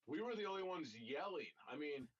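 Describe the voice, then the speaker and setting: A man's voice: a little high, sing-song, fairly quick, breathy edge. A young man in a band, guesting on a podcast, telling rambling stories with casual swearing and lots of fillers. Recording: dull lo-fi audio.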